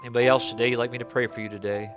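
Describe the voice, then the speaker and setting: A male pastor speaks into a pulpit microphone in a church, earnest and pleading as he prays, often stumbling and repeating words. His voice sits at an ordinary middle pitch. Clear piano and guitar music plays softly behind him. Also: level tone, racing. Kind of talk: sermon and closing prayer. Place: church sanctuary.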